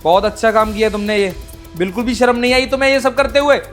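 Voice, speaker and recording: A woman's voice: on the high side, quick pace, faint music behind, close to an everyday voice. A woman acting a young husband and protective elder brother in a family skit, asking questions in exasperation. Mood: angry. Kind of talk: amateur Hindi web-skit acting.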